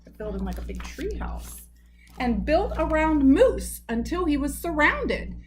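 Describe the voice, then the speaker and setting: High, lively woman reading a bedtime story. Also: measured pace, slight background noise. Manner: explains the story gently to children. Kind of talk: reading a picture book aloud with commentary.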